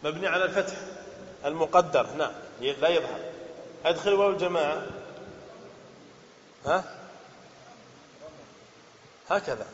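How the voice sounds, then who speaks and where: A man's voice: on the high side, lively intonation, normal speed, pauses often, a little hiss or hum. A man teaching a grammar lesson, quizzing his class and repeating key words. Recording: dull echoey hall recording.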